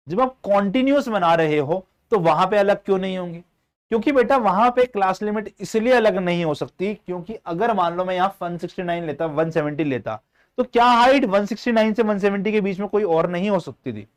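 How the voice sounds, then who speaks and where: A man teaching statistics to students in a live online class, explaining step by step, often checking whether they follow, and calling them child and brother. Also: high-pitched.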